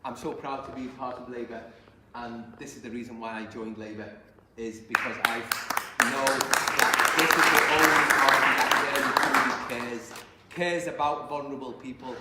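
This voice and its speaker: A man's voice: mid-range voice, recorded from a distance. Earnest man thanking a crowd. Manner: earnest, grateful, hesitant fillers. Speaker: local councillor. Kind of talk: formal thank-you speech. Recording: echoey room with crowd noise.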